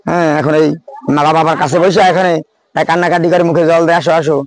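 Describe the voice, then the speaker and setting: Male preacher, Khulna Bengali accent, fairly high voice; talks to schoolkids and asks constant questions. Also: little pitch movement, fast talker, no echo. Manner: asks the audience questions constantly, repeats "yes". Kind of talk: sermon to schoolchildren.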